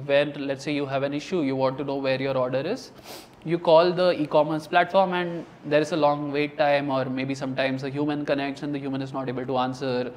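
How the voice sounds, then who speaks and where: A man's voice: medium pitch, steady tone, fairly quick, slight background noise. A man, a startup founder, giving earnest explanatory interview answers with some fillers.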